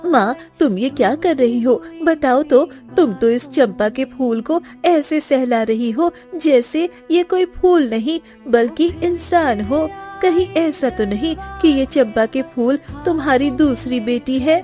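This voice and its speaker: A woman's voice: high-pitched, takes it slowly, few pauses, dark tone. Woman voicing a cheeky teen sister. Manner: teasing, cheeky. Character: playful teenage girl, teasing younger sister. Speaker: voice actor. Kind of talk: dubbed cartoon acting. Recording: with background music.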